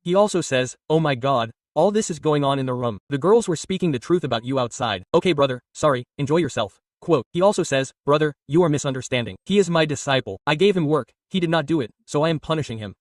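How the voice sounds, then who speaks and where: A man with a somewhat high voice narrates a comic story recap. He reads every character's line in his own steady narrating voice. The recording is dry, with the mic set a little away from him. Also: fast talker, few pauses, no room sound, recorded from a distance.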